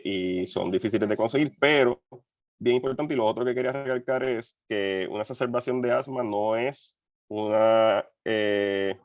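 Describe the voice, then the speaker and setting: A man with a low, gravelly voice makes his case on a video call. He talks earnestly and hammers his points home. The sound is dry and muffled. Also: no room sound. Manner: earnest, emphatic, repeats key points. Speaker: physician panelist. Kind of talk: online panel discussion.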